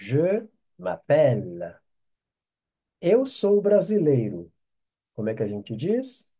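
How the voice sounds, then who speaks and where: A man's voice: fairly high pitch, huge pitch swings, measured pace, dark tone, breathy edge. A Brazilian man with a Brazilian Portuguese accent teaching an online French lesson, patiently drilling phrases and checking with "ok?".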